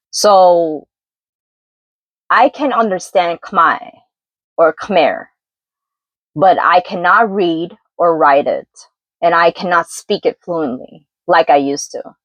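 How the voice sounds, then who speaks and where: A young woman from New York talking candidly into her vlog, earnest and reflective, pausing and correcting herself. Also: lowish voice, no echo, dull audio. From New York City, Brooklyn. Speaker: vlogger. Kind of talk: candid personal vlog monologue.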